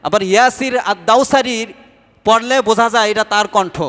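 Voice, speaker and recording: A man's voice: high-pitched, normal speed, fairly bright tone. A male preacher giving a sermon who keeps asking the audience questions and then answering them himself. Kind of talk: Islamic sermon. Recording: long hall reverb.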